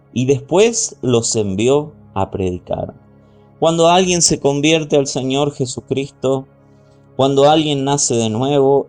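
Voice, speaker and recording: A man preaching a sermon as pastor, slowly and deliberately, stretching out key words and reading scripture aloud. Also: medium pitch.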